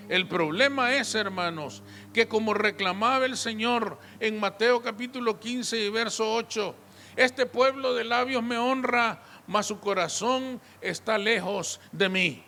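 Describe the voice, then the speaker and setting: Male pastor, high and bright voice, emphatic sermon delivery. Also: measured pace, big-room sound. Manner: emphatic preaching, repeated appeals to the congregation.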